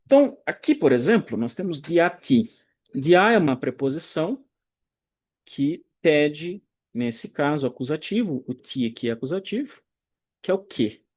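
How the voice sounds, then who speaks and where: A man teaching Greek grammar in a recorded online lecture, explaining slowly and deliberately, pausing and correcting himself as he goes. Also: on the high side, big pitch swings, darkish tone. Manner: slow, deliberate explaining with pauses and self-corrections.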